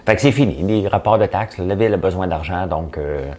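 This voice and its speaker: A middle-aged man with a Québécois French accent hosts a casual morning commentary podcast full of folksy jokes and rambling asides. His voice sits low and is a little mellow, his pace brisk, with slight background noise.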